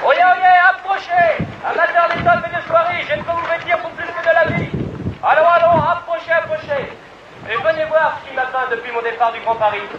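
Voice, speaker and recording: Man playing a high-voiced town crier pedlar. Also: steady tone, brisk. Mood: boisterous, hawking. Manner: town crier calls, loud hawking to a crowd. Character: boisterous travelling cloth pedlar hawking like a town crier. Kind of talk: amateur outdoor historical pageant acting. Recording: distant, muffled, echoey noisy outdoor recording.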